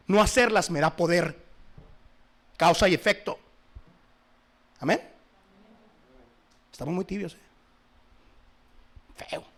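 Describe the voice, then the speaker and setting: A man preaching a sermon, his voice sitting a little high for a man. He swings from loud, emphatic exhortation to quieter, conversational asides to his congregation. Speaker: pastor.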